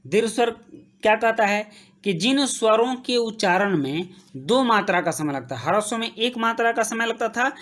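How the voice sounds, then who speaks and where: A woman teaching a grammar lesson, slowly repeating each term as she writes and checking in with her students. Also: a little high, animated. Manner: slow, repeats terms while writing, checks in with "ठीक".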